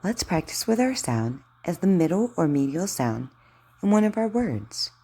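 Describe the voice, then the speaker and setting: A woman's voice: fairly low pitch, very animated, moderate pace, warm tone, husky. A woman speech therapist giving simple, encouraging instructions in a lesson. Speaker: speech therapist teaching articulation. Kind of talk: friendly instructional lesson talk.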